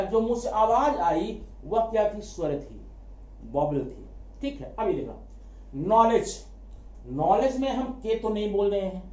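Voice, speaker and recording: A man teaching a grammar lesson, asking quick rhetorical questions, answering them himself and repeating key words for emphasis. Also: high voice, darkish tone. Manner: addresses students familiarly as brother. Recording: echoey room, dull lo-fi sound.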